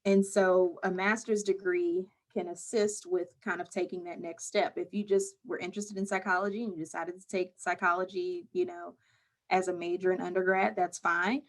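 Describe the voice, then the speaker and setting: Low-voiced woman therapist, calm. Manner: calm, measured explaining. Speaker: mental health counselor, guest. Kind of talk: conversational interview answers.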